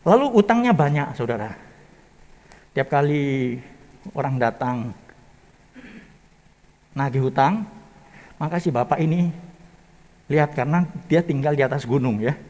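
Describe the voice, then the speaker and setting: A man preaching a Christmas sermon in church, telling a story in low hushed tones and rising to loud climaxes, with questions to the congregation. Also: animated, unhurried, long pauses. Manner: asks the congregation rhetorical questions. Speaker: pastor.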